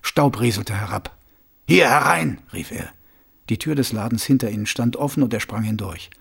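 A man narrating a novel as an audiobook in a lively storytelling manner. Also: fairly low pitch, a little fast, creaky, slightly rough. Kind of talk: scripted narration.

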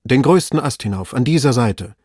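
A man reading aloud, voicing an excitable gentleman shouting urgent orders up a tree. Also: a little high, moderate pace, breathy edge, no room sound, studio quality, pitched above the performer's own voice. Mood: commanding. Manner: loud, urgent commands. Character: excitable gentleman treasure hunter, man, agitated. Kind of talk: audiobook reading.

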